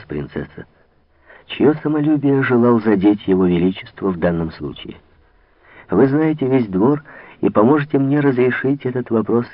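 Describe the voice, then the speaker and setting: A man reading the lines of a devoted young count, speaking softly and respectfully, in an old radio reading. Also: fairly low pitch, no room sound, lightly acted. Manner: soft, respectful, gentle. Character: devoted, restrained young count courting a princess. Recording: tinny old radio broadcast.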